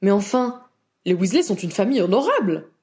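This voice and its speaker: A woman's voice: mid-range voice, big pitch swings, fairly quick, a little mellow, lightly acted. Sincere young wizard hero, read by a woman.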